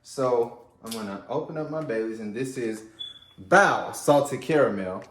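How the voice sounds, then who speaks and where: A man's voice: medium pitch, unhurried, fairly bright tone, roomy sound, soft background music. A man hosting a casual at-home drink-making video, with a playful, chatty manner, talking straight to his viewers. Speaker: vlog host.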